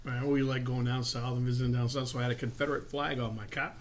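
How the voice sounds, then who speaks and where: A man's voice: mid-range voice, flat delivery, quick pace, slight background noise. A man in casual chat, arguing his point insistently and filling with "you know". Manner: argumentative, leans on "you know".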